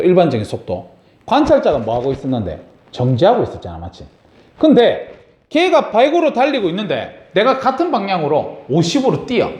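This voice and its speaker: In an echoey room, a man with a slightly high voice teaches a science class. He lectures in a lively way and keeps checking in with his students through frequent questions.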